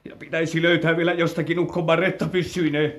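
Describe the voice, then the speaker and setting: A man's voice: a little high, level tone, fairly bright tone, close to an everyday voice. An actor playing an anxious farmer father who stammers in a 1950s school radio drama. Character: worried mountain farmer father.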